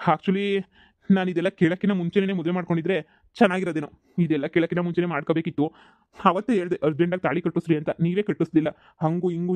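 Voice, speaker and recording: A man's voice: on the high side, darkish tone, dry recording, natural voice. Fields: Figure: stubborn young groom, voiced by a man. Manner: insistent, repetitive, fast-talking. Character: stubborn young groom calling off his wedding.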